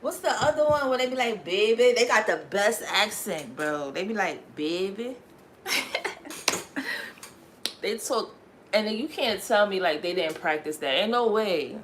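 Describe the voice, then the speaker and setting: Young woman raised in connecticut, rambling slangy livestream chat, laughs a lot, mid pitch, faint noise behind. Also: lively intonation, normal speed, a bit bright. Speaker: livestream host.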